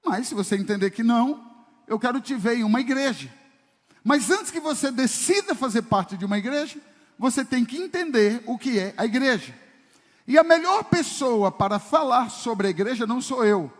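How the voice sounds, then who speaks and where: Long church-hall reverb colors this sermon, in which a pastor addresses the congregation emphatically with many rhetorical questions. He speaks at a moderate pace in a very high-pitched, animated voice.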